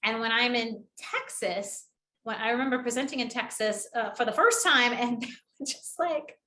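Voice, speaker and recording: Bright-voiced woman giving a training talk. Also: on the high side, moderate pace. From New England. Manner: lively, demonstrative, with frequent "right?" and "okay?" check-ins. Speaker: public speaking trainer. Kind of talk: training webinar presentation. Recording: echoey room.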